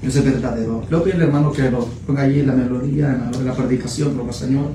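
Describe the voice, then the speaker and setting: A man's voice: mid-range voice, steady tone, very fast, background noise. A man preaching and praying fervently on the radio, often repeating phrases of praise. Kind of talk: fervent radio sermon and prayer. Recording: echoey room, distant mic, loud guitar music. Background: loud guitar music.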